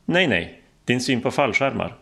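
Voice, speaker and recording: A man voicing a brash, bearded male skydiving instructor who shouts over the wind. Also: mid-range voice, sing-song, gravelly, pitched above the performer's own voice. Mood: lecturing. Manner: shouting, boisterous.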